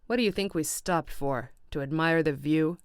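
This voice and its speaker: A woman's voice: low voice, normal speed, clean tone, dry recording, studio quality, close to an everyday voice. Woman reading as Tom, a harsh arrogant rich man. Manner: loud, harsh, demanding. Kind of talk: audiobook reading.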